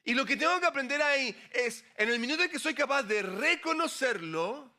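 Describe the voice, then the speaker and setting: A middle-aged male pastor giving a conversational, animated sermon with frequent asides to the congregation. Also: very high voice, moderate pace.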